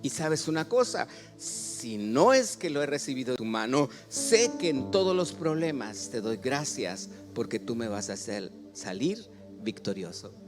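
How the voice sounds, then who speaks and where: Animated male preacher with soft music. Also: mid-range voice, unhurried. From Mexico. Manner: animated preaching, rising to loud exclamations; asks the congregation questions and has them read along. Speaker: pastor. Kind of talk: sermon.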